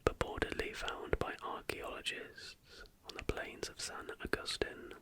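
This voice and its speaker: In a steady, breathy whisper with no voicing at all, an ASMR host reads conspiracy history. The delivery is hushed and measured like scripted narration, with brief asides.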